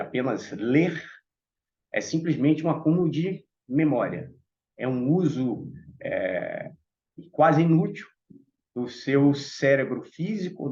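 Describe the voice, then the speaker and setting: A man's voice: medium pitch, a little mellow, dull audio. A man from Salvador with a Bahian Brazilian accent, giving a reflective talk as a panel speaker and addressing the audience directly with many asides. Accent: Bahian Brazilian Portuguese. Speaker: panel speaker at a Theosophical meeting.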